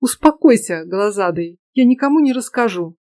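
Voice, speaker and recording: A woman's voice: mid-range voice, animated, moderate pace, dark tone, natural voice. A woman voicing a cocky, brash young female student who teases in a sassy, slightly raised voice. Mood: teasing. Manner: teasing, sassy.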